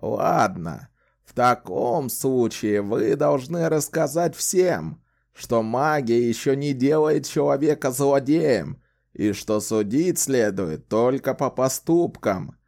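A man voicing a sly, wry old male wizard who talks in a slow, theatrical, teasing way in an audiobook. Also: mid-range voice, animated, gravelly, darkish tone, pitched above the performer's own voice. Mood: stern, bargaining. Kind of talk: audiobook character voice.

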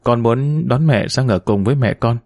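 A man reading the lines of a gentle, devoted young woman who speaks softly but is quick to protest. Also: mid-range voice, dry recording, clean studio sound, close to an everyday voice. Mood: earnest. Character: gentle, devoted young former daughter-in-law.

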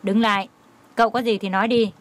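A man's voice: high voice, little pitch movement, quick pace, a bit bright. A woman reading a curt, stern young boss. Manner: curt, commanding.

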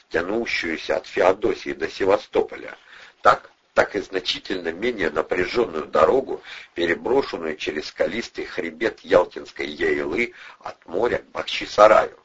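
A man narrating an audiobook, steady scripted storytelling. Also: sits low, husky, dull audio.

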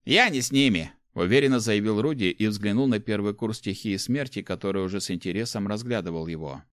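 A man narrating a fantasy story in a lively, expressive reading. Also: fairly low pitch, fast talker, smooth, no room sound, studio quality. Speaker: audiobook narrator.

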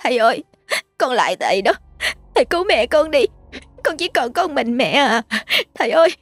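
A desperate young village daughter on the edge of tears, her voice climbing high as she pleads, put on by a woman storyteller. The sound is close and dry. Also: big pitch swings, brisk, breathy edge, no echo, soft background music, exaggerated voice. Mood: pleading.

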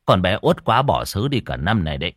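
A man's voice: low voice, big pitch swings, a little fast, no room sound, studio quality. A man voicing a bitter, foul-mouthed male villager who speaks coarsely. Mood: angry. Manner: coarse and angry.

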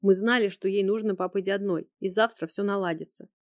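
A woman narrating a first-person novel in an even, measured way. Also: medium pitch, no echo, studio quality. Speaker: audiobook narrator.

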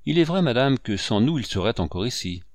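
A man reading aloud, voicing a smooth, sly male gendarme captain who answers calmly and curtly. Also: medium pitch, a little fast, dry recording, studio quality, close to an everyday voice.

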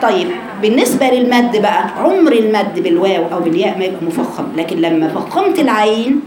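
A woman with an Egyptian accent teaching Quran recitation to a class of women, correcting mistakes and drilling sounds with repeated drawn-out syllables. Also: medium pitch, animated, noisy background. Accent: Egyptian Arabic. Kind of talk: tajweed lesson to a class. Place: room with a group of women students. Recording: echoey room with crowd chatter.

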